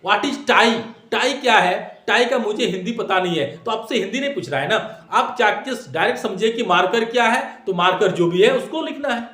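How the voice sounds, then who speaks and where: In an echoey room, a man gives exam tips like a classroom teacher, repeating points, posing rhetorical questions, and slipping in English phrases. His voice is high, expressive, and fairly bright. He speaks at a moderate pace with few pauses.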